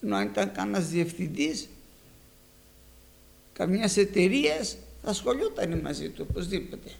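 A male preacher giving a sermon, telling a parable with lively storytelling and rhetorical questions. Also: high voice, vocal fry.

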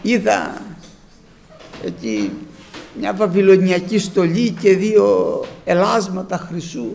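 A guilty man owning up in a subdued voice, as a preacher acts him out. The voice is high and gravelly, with lively swings. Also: a little hiss or hum. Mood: confessing. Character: guilty man confessing hidden loot.

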